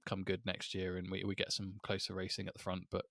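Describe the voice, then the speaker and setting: A man's voice: deep voice, monotone, quick pace, vocal fry, a bit bright, no room sound, studio quality. A man co-hosting a sports podcast, chatting casually and laughing often. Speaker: podcast co-host. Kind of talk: casual chat.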